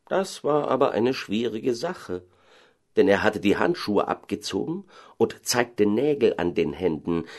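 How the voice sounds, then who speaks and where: A man narrating a fairy tale in an expressive, dramatic way. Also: low voice.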